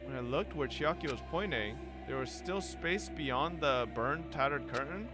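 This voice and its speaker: A man streaming a visual novel, reading its text aloud with wry, profane asides and a low hush for tense narration. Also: animated, moderate pace, loud music behind the voice. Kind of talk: reading game text aloud between casual remarks.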